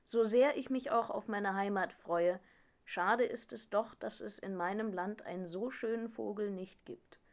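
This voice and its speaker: A woman's voice: medium pitch, a little slow, lightly acted. A woman reading a storybook, voicing a curious, eager king from hot lands who is full of wonder.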